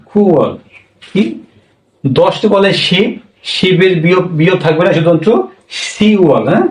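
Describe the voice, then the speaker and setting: A man teaching a language class, speaking slowly and going over each word again, often pausing to check that listeners follow. His voice sits a little high. It rings in an echoey room and comes from some distance away from the mic. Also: darkish tone. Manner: slow, repetitive, checks with "হ্যাঁ?".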